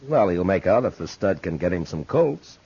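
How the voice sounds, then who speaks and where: Deep, husky frontier marshal, old radio. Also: male voice, very animated, normal speed, mellow, heavily acted. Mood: relaxed. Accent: American. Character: easygoing, authoritative middle-aged frontier US Marshal. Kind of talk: 1950s radio western acting. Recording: dull 1950s radio recording.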